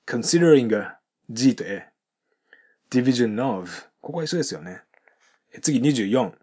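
Husky Japanese man teaching English pronunciation. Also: mid-range voice, darkish tone. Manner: reads English example sentences slowly, then explains sound linking. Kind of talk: pronunciation lesson with model sentences.

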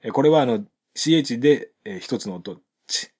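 A man whose first language is Japanese teaches English pronunciation one numbered sentence at a time. His voice is husky and sits at an ordinary male pitch. He reads each model sentence carefully, then breaks down the linking sounds. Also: expressive, normal speed, a little mellow.

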